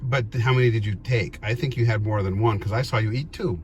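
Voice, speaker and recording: A man in casual family conversation, teasing and playful as he retells stories and asks pointed questions. His pitch is middling, and there is faint background noise. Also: fairly quick, highs cut off. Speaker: vlog host talking with older relatives. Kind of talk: casual chat, teasing storytelling.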